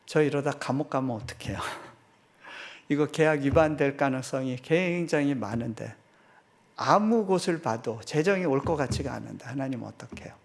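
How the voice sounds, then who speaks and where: In a church sanctuary, a middle-aged missionary preacher delivers a storytelling sermon, recounting a personal story with animated energy and praying aloud in his own words. His voice is low-edged and gravelly with fry, pitched in an ordinary middle range, and he keeps a moderate pace.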